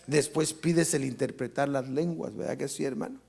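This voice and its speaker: A man's voice: mid-range voice, normal speed, gravelly, a little mellow, husky. A man preaching a fervent sermon as pastor at a live church service, often asking the congregation rhetorical questions.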